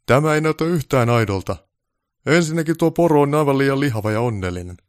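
A man's voice: mid-range voice, expressive, no echo, clean studio sound, voice pushed up, close to an everyday voice. A man voicing a pompous, snobbish male film director who barks orders in a haughty, raised voice.

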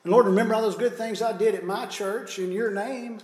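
A man's voice: high voice, steady tone, a little fast, a little mellow, pitched above the performer's own voice, natural voice. A man preaching voices a nervous churchgoing man who pleads before God in a quivering voice. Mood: pleading. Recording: roomy echo.

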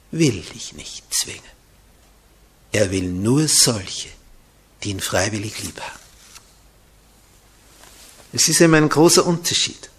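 A man preaching a sermon who turns dramatic, swinging from loud emphatic lines to hushed whispers. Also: fairly low pitch, breathy edge.

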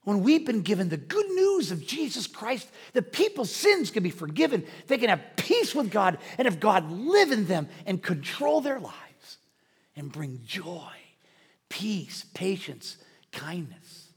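A man preaching a sermon as pastor, swinging between loud, riled-up delivery and hushed, quiet asides. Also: high voice, very animated, a little slow, slightly rough. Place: church sanctuary. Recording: long hall reverb.

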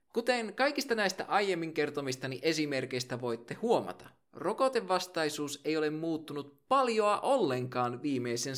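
A male podcast host reads his script with emphatic energy and playful asides. His voice sits somewhat high for a man and swings widely in pitch. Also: fairly bright tone.

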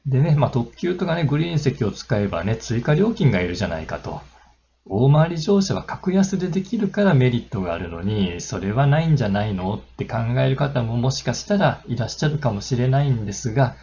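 A man's voice: mid-range voice, animated, brisk, gravelly, warm tone, lo-fi sound. A man hosting a travel talk, casually explaining railway trip tips with lots of fillers and friendly tag particles. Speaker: railway travel channel host.

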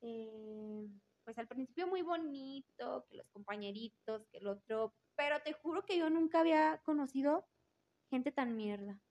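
In an interview, a woman with a Mexican Spanish accent tells a personal story candidly and casually, swearing freely and repeating words for emphasis. Her voice is high and darkish, animated but a little slow. The recording sounds lo-fi.

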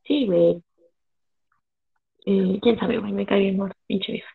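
A woman's voice: medium pitch, unhurried, creaky, breathy edge. A young woman with a Mexican accent, chatting casually as a co-host, telling stories full of slang and swearing. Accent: Mexican Spanish. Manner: slangy, swearing, animated storytelling. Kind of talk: casual chat. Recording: tinny phone-like sound.

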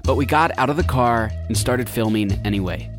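Give me a young man in his twenties telling a true story in scripted narration, calm and reflective, with a middle-pitched voice and faint music behind. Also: brisk. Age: 20s. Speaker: narrator and reporter.

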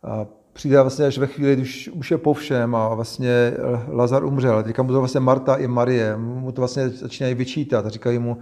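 A man's voice: mid-range voice, steady tone, warm tone. A man reading a Bible passage aloud and then preaching about it in a loose, spoken way.

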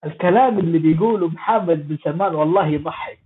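A man's voice: a little high, fast talker. A man giving sarcastic, mocking political commentary in a rambling way. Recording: tinny phone-like audio.

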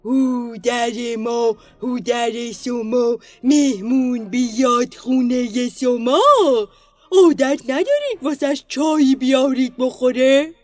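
A woman voicing a loud, easily bored male giant demon in a children's story, chanting his lines slowly as booming shouts. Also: soft background music, lightly acted.

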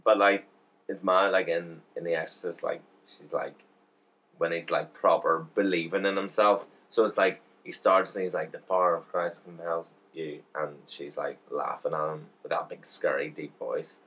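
Man, very deep voice, podcast co-host, casual chat, sweary, animated storyteller. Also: moderate pace, husky.

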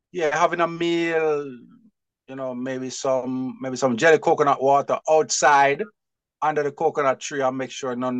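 A man with a Jamaican accent, chatting as an interview guest, lively and quick to laugh. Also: mid-range voice, dry recording. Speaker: guest, publisher. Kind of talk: casual interview chat.

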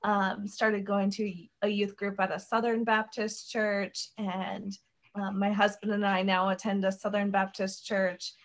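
A woman's voice: mid-range voice, flat delivery, a little slow. A young woman from the United States, a podcast guest talking casually about her faith, with plenty of "like" and "um". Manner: chatty, peppered with "like" and "um". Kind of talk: casual conversation.

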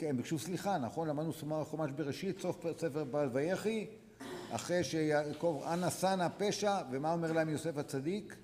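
A man, a rabbi, teaching a religious lesson to students, urging them on with repeated short commands and sudden swings between quiet and loud. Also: on the high side, a little hiss or hum. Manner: exhorting, repetitive, sharp swings from soft to loud. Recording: long hall reverb.

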